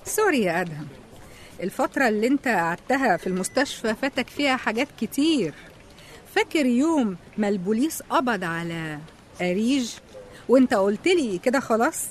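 A woman with an Egyptian accent playing a cunning young woman who calmly taunts her rival. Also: a little high, a little fast, close to an everyday voice. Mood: coy, teasing. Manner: calm, taunting, in control. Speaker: office colleague. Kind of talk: radio drama acting.

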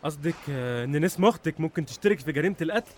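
Radio drama role: man playing impatient Egyptian police investigator, very fast delivery, slightly high voice, sarcastic, intimidating. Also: animated, a little hiss or hum, natural voice.

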